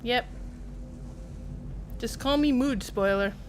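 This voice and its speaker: A woman livestreams a game with casual commentary, rambling and playfully self-deprecating as she talks to viewers and the game's characters. Her voice is a little high and slow, with slight background noise.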